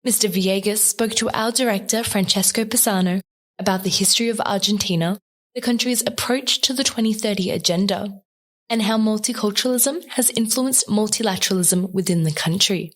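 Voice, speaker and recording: A woman's voice: mid-range voice, fairly quick. Woman reading a scripted podcast intro. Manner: friendly, read from script. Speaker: podcast producer, host of intro.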